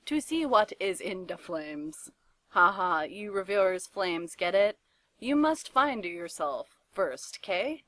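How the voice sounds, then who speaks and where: A woman doing a slow, smug old wizard. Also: mid-range voice, big pitch swings, fairly bright tone, dry recording.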